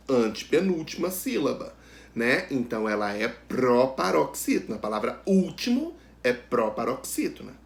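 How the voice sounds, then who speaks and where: A man teaching a grammar lesson, asking questions and answering them himself, stretching out each example word slowly and loudly. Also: medium pitch, vocal fry. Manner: addresses students directly, asks and answers questions.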